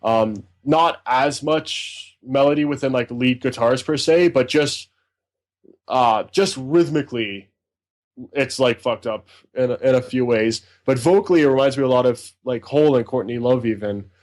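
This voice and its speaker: A man's voice: mid-range voice, moderate pace, a little mellow. A man co-hosting a casual podcast, reviewing albums in a rambling, enthusiastic way. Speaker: podcast co-host, music reviewer.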